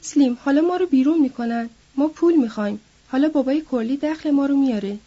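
A woman's voice: sits high, mellow, lo-fi sound, natural voice. A woman voicing a worried, protective adult ranch man in a read-aloud story, calling out urgent commands.

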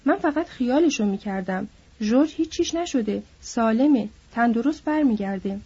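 A woman's voice: fairly high pitch, animated, dark tone, breathy edge, dull audio. A woman voicing a bitter, lonely older male stable hand who needles and then broods, in an audiobook. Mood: mournful.

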